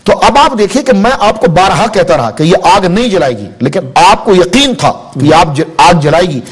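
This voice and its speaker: A man in his forties, a religious scholar in a TV studio interview, explaining slowly with everyday examples and stories. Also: sits high, animated, breathy edge. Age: 40s. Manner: measured, explains with examples and anecdotes. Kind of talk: studio interview, spiritual teaching.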